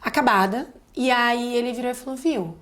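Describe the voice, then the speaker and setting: A woman's voice: a little high, fairly quick. A woman in her thirties with a Brazilian Portuguese accent, a pediatrician guest speaking candidly and expressively in a casual podcast conversation.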